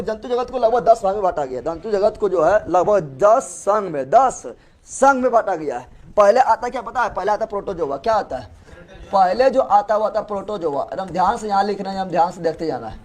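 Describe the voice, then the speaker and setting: A man's voice: sits high, expressive, a little fast, a little mellow. A male teacher gives a classroom lecture, asking a question and repeating the answer over and over. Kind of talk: classroom lecture with call-and-response.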